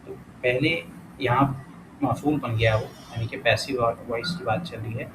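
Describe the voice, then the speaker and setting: A man teaching a casual lesson who thinks aloud as he works through exercises, corrects himself often and reads example words out slowly. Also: medium pitch, steady tone. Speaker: language teacher. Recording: clear background noise.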